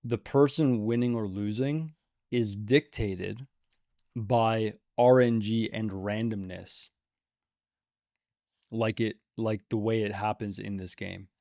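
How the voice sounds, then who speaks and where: A man's voice: lowish voice, fairly even intonation, takes it slowly, gravelly, dark tone, dry recording, clean studio sound. A man giving opinionated commentary to camera on a video game, emphatic and repeating words for stress. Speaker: gaming video creator.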